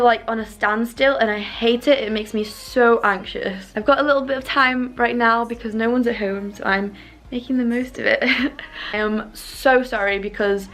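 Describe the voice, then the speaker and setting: A young adult woman chats casually like a fitness vlogger, rambling a little and repeating words for emphasis, in a vlog and workout voiceover style. Her voice is on the high side and a bit bright.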